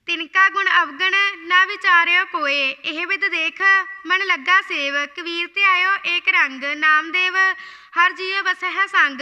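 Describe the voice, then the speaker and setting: A very high, bright woman's voice chants scripture slowly and deliberately, line by line. Her recitation is even and measured, and she repeats phrases after being corrected. The sound rings with a long hall reverb.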